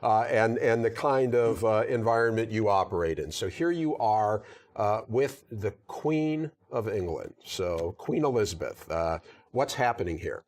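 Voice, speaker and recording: A man's voice: fairly low pitch, expressive, unhurried, a little mellow. A man hosting a television interview, asking conversational questions and backing the guest with frequent mm-hmms. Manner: inquisitive, frequent mm-hmm backchannels. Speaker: TV interview host.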